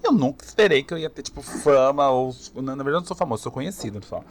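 A young man with a Brazilian Portuguese accent, chatting casually as a guest and telling lively stories, laughing often and acting out what people said. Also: medium pitch, fast. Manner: animated storyteller, laughs often, acts out quotes. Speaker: streamer guest. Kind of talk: casual podcast chat.

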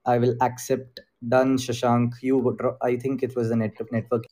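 A man's voice: mid-range voice, little pitch movement, moderate pace, warm tone. Casual Indian-accented man hosting a group call. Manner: informal, mixes Hindi phrases into English. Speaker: host of an online group call on crypto investing.

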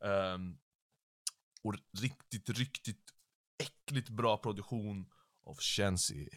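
A young man co-hosting a podcast, chatting playfully and quickly about hip hop. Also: lowish voice, a bit bright. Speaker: podcast co-host.

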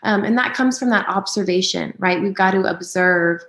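A woman talks through practical parenting advice, stopping to check in with "right?" and the odd "um". Her voice sits at a middle pitch and carries the echo of a roomy space. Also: normal speed, a bit bright. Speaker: parenting guest speaker.

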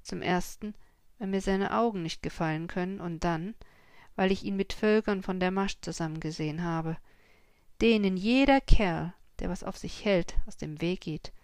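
A woman's voice: on the low side, normal speed, a little mellow, clear, resonant tone, no echo, lightly acted. A woman voicing a chatty, confiding innkeeper in a storybook reading. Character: gossipy innkeeper, middle-aged man.

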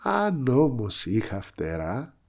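A man playing a kind, bearded old sea captain who speaks slowly and calmly. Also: mid-range voice, creaky, full character voice.

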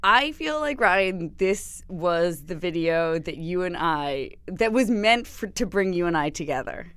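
Clear-voiced woman chatting as podcast co-host. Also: lowish voice, expressive, a little slow, a bit bright, dry recording. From Massachusetts, USA. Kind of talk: casual comedic chat.

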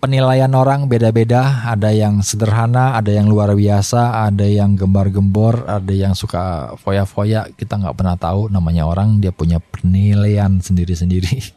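Low, mellow-voiced middle-aged man. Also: dry recording. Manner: reflective, chuckles often between thoughts. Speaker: podcast host. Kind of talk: casual storytelling monologue.

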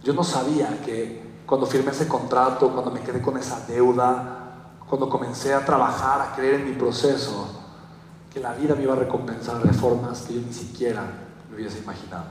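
Animated Mexican man, echoey hall. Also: mid-range voice, moderate pace, distant mic, a little hiss or hum. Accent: Mexican Spanish. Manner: animated storyteller acting out quotes. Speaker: motivational speaker. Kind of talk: storytelling talk.

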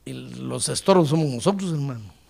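A man preaching a sermon as pastor, surging and dropping in loudness, often calling his listeners brother. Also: animated, fairly quick, creaky. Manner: preaching with sudden surges and drops in pitch and volume; repeatedly addresses listeners as brother.

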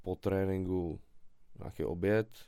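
A young man, a stand-up comedian, talking casually as a podcast guest in a relaxed, rambling way with slangy asides. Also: sits low, clear, resonant tone, no echo, studio quality. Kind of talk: casual conversational interview.

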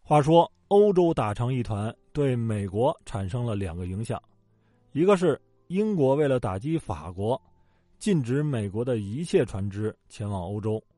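A man's voice: mid-range voice, very animated, normal speed, warm tone, no room sound. A man telling history in a casual, joking storytelling way, with colloquial asides. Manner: colloquial and joking, with acted quotes. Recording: dry close mic with faint background music.

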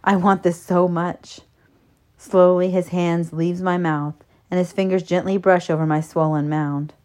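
Woman with a low voice reading a spicy story, soft and steady. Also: measured pace. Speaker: narrator. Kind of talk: first-person erotic story reading.

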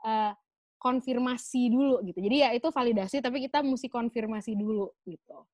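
A woman's voice: on the high side, a little fast, no room sound. A woman patiently explaining things in a casual chat, slipping in English phrases. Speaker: guest explaining emotions.

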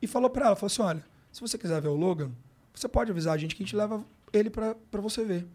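A man's voice: sits high, racing, darkish tone. A middle-aged man with a Brazilian Portuguese accent telling an emotional personal story in casual slangy chat as a podcast guest. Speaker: sports coach, podcast guest.

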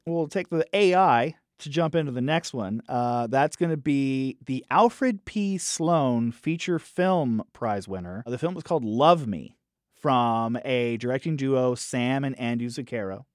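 A man talks through a film review with a middle-pitched voice, animated and restarting his phrases as he thinks aloud. The sound is dry and close to the mic, with no room echo. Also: unhurried. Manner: animated, acts out quoted characters in raised voices. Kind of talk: casual podcast film review.

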